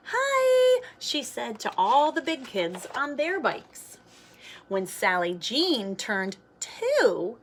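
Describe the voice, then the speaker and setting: A woman reads a children's storybook aloud to young listeners like a teacher, expressive and sing-song, at a medium pitch.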